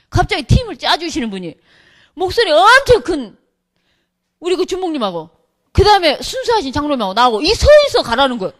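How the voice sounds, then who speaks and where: Pastor's wife telling a church story, high pitched, acts out everyone's lines. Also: female voice. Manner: lively storytelling, acts out quotes, laughs often. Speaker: pastor's wife giving a testimony. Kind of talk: humorous church testimony.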